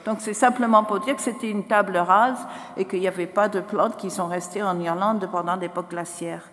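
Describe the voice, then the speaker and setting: A woman's voice: mid-range voice, fairly even intonation, fairly bright tone. Irish woman speaking foreign-accented French, echoey hall. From Ireland. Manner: halting, self-correcting. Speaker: botanist giving a conference talk. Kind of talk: conference presentation. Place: large lecture hall, indoors. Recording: echoey auditorium with long reverb.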